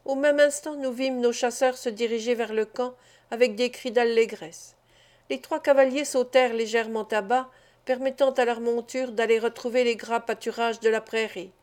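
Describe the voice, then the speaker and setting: A woman narrating a classic adventure novel as an audiobook reader, measured and even. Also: a little high. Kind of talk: scripted narration.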